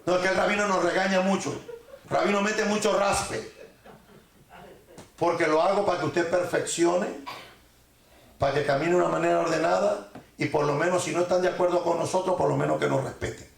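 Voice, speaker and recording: A man teaches his congregation in a high, gravelly voice. He jokes and corrects pronunciation, stretching words out slowly. The room adds a clear echo. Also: fairly even intonation. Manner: joking, corrects pronunciation with drawn-out repetition. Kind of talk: sermon teaching.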